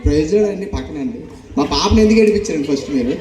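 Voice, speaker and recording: A man's voice: on the high side, lively intonation, rapid-fire, mellow, natural voice. A man playing a pompous village president. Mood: blustering. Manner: pompous, bossy, chuckling. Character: blustering self-important village president man. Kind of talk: church skit acting. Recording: roomy hall with a faint crowd.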